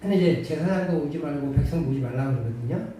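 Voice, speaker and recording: A man's voice: a little high, fast talker, mellow. A male pastor preaching a conversational sermon full of rhetorical questions and dry humor, recorded in an echoey church hall from a distance. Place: church sanctuary. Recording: echoey church hall from far off, faint hiss.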